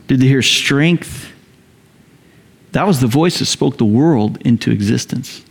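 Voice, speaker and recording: A man preaching a sermon, telling the story in a conversational, animated way, rising loud and high when excited and dropping low and quiet to reflect. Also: unhurried, vocal fry, breathy edge. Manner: conversational fillers and repeated phrases. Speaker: pastor.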